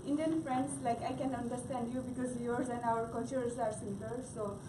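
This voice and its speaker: This student presenter has a fairly high, steady voice at normal speed. A young Nepali woman who grew up speaking Gurung, she talks with a Nepali accent and gives an uncertain class presentation crowded with fillers and restarts, recorded far off in a noisy, echoing space.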